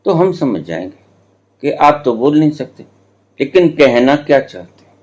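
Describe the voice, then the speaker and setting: A man in his seventies giving a spiritual discourse, telling stories slowly with drawn-out words and playful teasing. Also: medium pitch, sing-song, a little mellow. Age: 70s. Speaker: spiritual teacher.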